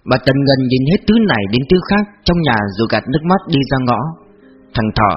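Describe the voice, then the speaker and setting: A man reading a story aloud in measured, heartfelt narration. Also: mid-range voice. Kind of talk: scripted narration. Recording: dull lo-fi audio with faint music.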